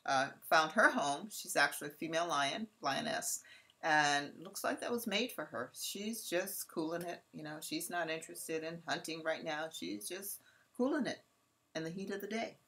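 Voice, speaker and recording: Talking straight to her audience in a chatty way, a Californian woman narrates a slideshow of her safari. Her low-pitched voice sounds pushed and bright, and her pace is moderate.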